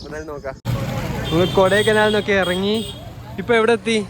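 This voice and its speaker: A man's voice: high-pitched, quick pace, a crowd in the background. A man with a Kerala Malayalam accent chattily narrating a casual travel vlog to his viewers on a handheld phone. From Kerala, India. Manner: chatty, addresses viewers informally. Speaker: travel vlogger. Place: on the move outdoors and in buses. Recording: loud traffic and engine noise.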